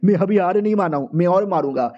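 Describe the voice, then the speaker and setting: A man's voice: high voice, quick pace, warm tone, dull audio, close to an everyday voice. A man voicing a blustering young thug. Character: arrogant young male thug, cowardly.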